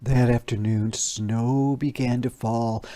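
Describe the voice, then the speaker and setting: A male teacher with a mid-range voice reads a children's storybook aloud expressively, stopping to explain words to his young listeners.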